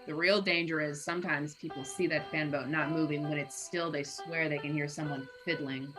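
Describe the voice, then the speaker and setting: A woman's voice: low-pitched, steady tone, normal speed, fairly bright tone, faint music behind, rough recording. A woman chatting casually as a player in a tabletop game, rambling and laughing as she tosses out ideas.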